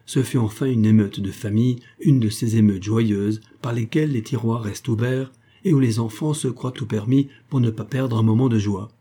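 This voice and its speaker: Give me a husky-voiced man narrating a children's tale, measured and expressive. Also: medium pitch. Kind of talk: scripted narration of a children's story.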